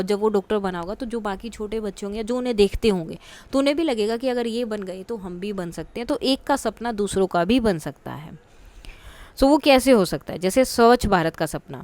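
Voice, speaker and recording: A woman's voice: medium pitch, no echo. A woman teacher going through a textbook chapter step by step, explaining patiently and checking in with her listeners.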